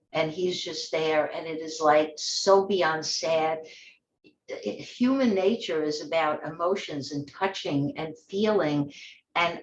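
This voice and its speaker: A woman's voice: low voice, roomy sound, dull audio, a little hiss or hum. A woman hosting an online talk show, speaking in a rambling, conversational monologue with frequent restarts. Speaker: host. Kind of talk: casual monologue.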